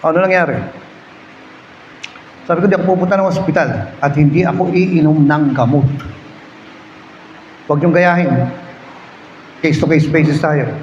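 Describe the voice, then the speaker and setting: A high-voiced Filipino man preaches a story-driven sermon in a church hall, dropping to quiet prayer and rising to loud urging. His voice rings through a reverberant room. The recording sounds a little dull, with faint ambience behind. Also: steady tone, normal speed, pauses often, slight background noise. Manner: storytelling, swings between hushed prayer and loud exhortation. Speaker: pastor.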